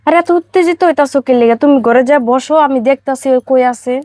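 A woman's voice: high voice, fast, a little mellow, dry recording, close to an everyday voice. A woman playing an evasive village mother. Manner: evasive, defensive. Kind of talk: amateur short film drama.

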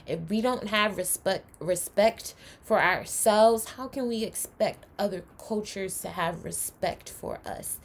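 A woman hosts a reaction video from a room at home, her voice gravelly with a slight rasp of fry. She speaks passionately and emphatically, pressing her points like a lecture, with faint hiss behind her. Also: lowish voice. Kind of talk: reaction commentary.

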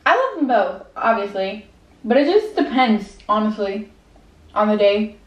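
A woman's voice: mid-range voice, sing-song, unhurried. A girl of about twelve, born in Cuba, chatting hesitantly in a casual eating Q&A video while talking with her mouth full, with many "like" fillers. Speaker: vlogger. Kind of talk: casual mukbang Q&A. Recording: roomy, distant, dull lo-fi sound.

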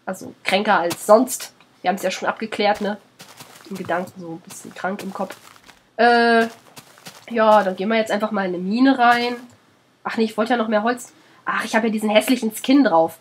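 A woman's voice: mid-range voice, fairly even intonation, moderate pace, a little hiss or hum. A woman with a German accent, sick and under the weather, chatting her way through a let's play, scolding the animals in the game and swearing casually.

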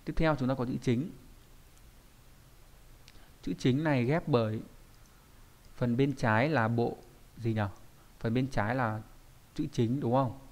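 A man teaching an online kanji lesson in a chatty, explanatory way, often pausing to check that his students follow. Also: mid-range voice, a little mellow. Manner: explanatory, with frequent checking tags. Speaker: Japanese teacher.

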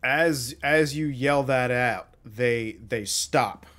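A man's voice: medium pitch, takes it slowly, a bit bright. A man running a tabletop game as game master, describing scenes with hesitant repeated words.

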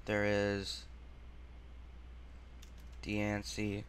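A man with a lowish, smooth and clear voice talks his way through a quiz, thinking aloud. He mutters and halts, trailing off mid-phrase and sounding out words. The delivery is casual and unpolished, like a gaming host playing on camera. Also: monotone, drawn-out words.

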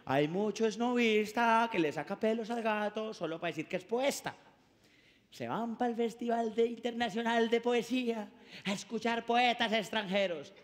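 A Colombian man doing a lively, mocking stand-up comedy routine with quick voice changes, at a live show. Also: very high-pitched. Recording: reverberant hall, faint noise.

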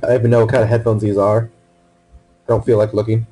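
A man playing a video game alone in a room at his computer, wearing headphones, talking to himself with casual commentary, swearing and bursting into sudden excitement. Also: on the low side, quick pace, a little hiss or hum, low-quality recording. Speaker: let's play gamer.

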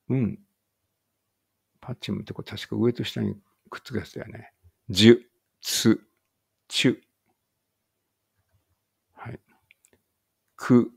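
A man reading a language lesson aloud slowly and carefully, with muttered asides to himself. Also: on the low side, creaky, a little mellow.

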